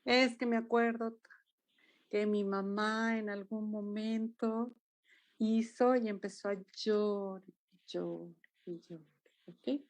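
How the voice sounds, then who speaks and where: A woman's voice: mid-range voice, takes it slowly. A woman with a Mexican accent, a dance movement therapist, animatedly recounting therapy cases in an interview and acting out the dialogue. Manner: animated storyteller, acts out dialogue.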